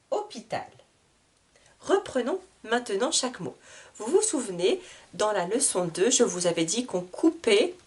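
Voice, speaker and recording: A woman teaching a beginner reading lesson, speaking patiently and carefully and repeating each word. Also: fairly high pitch. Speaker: French teacher. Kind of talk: slow, clear reading lesson for learners.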